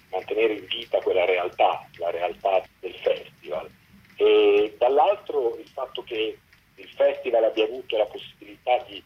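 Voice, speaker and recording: A man with a somewhat low, husky voice talks at length about his documentary work in a radio interview, using long, articulate sentences. He is the film's co-director, heard over a dull, lo-fi line that sounds like a phone.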